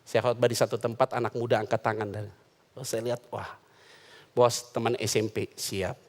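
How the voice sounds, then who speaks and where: A man's voice: medium pitch, normal speed. A man preaching a sermon, telling comic stories and acting out the people in them. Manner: animated, joking, acts out voices in anecdotes. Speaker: pastor. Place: church.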